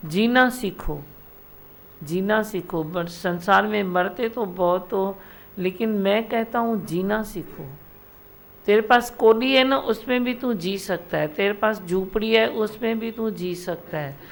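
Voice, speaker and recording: A woman's voice: medium pitch, measured pace. A woman spiritual teacher giving a devotional satsang discourse, exhorting her listeners directly and repeating her points. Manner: repetitive exhorting, direct address. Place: satsang hall.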